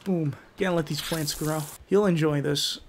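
A young man commentating a game in a rowdy, profane way, yelling taunts at the characters. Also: fairly high pitch, fairly even intonation, a little slow, a little hiss or hum. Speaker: gaming YouTuber.

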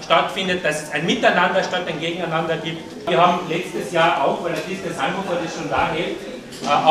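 A man speaking for the municipality in a formal, official way. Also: on the high side. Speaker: municipal representative. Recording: echoey hall from far off.

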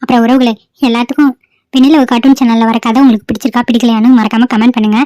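A woman's voice: fairly high pitch, level tone, very fast, warm tone. A woman channel host giving a chatty, cheerful introduction and a birthday wish.

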